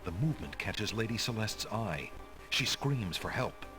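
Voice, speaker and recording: A man narrating a fantasy adventure game as a solemn storyteller, in a measured, dramatic way. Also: fairly low pitch, sing-song. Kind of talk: scripted video game narration. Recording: game audio under music.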